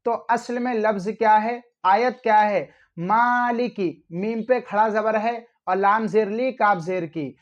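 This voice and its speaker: A man giving religious instruction, explaining recitation slowly and carefully. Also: high-pitched, muffled recording. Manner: slow drawn-out recitation when demonstrating. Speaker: religious teacher.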